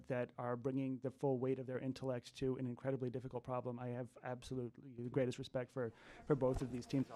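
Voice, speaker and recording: A man's voice: medium pitch, warm tone. Earnest man judging on a panel. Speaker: judge on a panel, journalist. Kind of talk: spoken panel questions and remarks.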